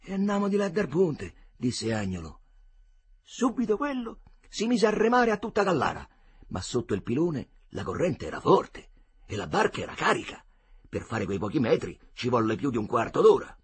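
Guy reading a novel out loud, husky breathy voice, swings his pitch a lot. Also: normal speed, no echo. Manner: expressive reading, drops low and soft on images. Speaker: audiobook reader. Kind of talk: literary audiobook narration.

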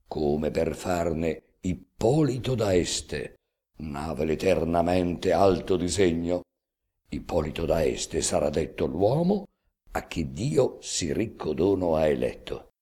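A man giving a slow, declamatory recitation of epic poetry, with sweeping rises and falls. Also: low-pitched, darkish tone. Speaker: reader. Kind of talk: dramatic recitation of epic verse.

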